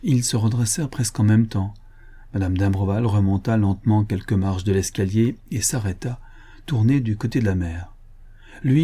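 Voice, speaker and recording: Male audiobook reader, low and husky, dark mellow tone, steady storytelling. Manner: steady reading, raising pitch for dialogue. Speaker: audiobook narrator. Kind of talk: scripted narration of a detective story.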